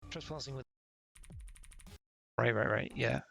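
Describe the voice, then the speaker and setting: Speaking a little slowly, a man with a mid-range voice, vocal fry and a sharp tone gives live commentary on a puzzle game. He mutters and swears to himself while testing passwords and reasoning out loud. There's a slight hiss or hum, plus faint game music.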